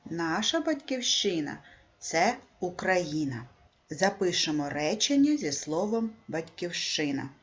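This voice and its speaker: A woman teacher with a Ukrainian accent, dictating a calligraphy lesson for young pupils in a slow, careful way that stresses syllables. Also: lowish voice, very animated, dull audio. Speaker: primary school teacher. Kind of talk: calligraphy lesson for second graders.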